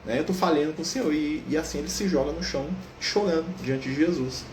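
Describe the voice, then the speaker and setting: Fast-talking man telling a spiritual story. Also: on the high side, darkish tone. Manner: storytelling, frequent "né?" tags, acts out dialogue. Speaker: spiritist study leader. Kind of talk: informal spiritual lecture. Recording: echoey room with faint background noise.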